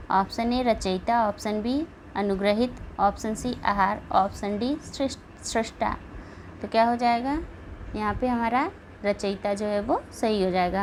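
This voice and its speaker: Woman, coaching teacher, spelling lesson, gravelly voice, steady check-ins, faint background noise. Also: mid-range voice, low-quality recording. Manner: steady, checks in with repeated "ठीक है".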